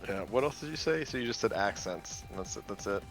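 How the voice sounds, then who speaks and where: A young man co-hosting a casual stream, teasing with a deadpan, mock-serious manner. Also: lowish voice, quick pace, low-quality recording. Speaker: stream co-host. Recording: faint music in background.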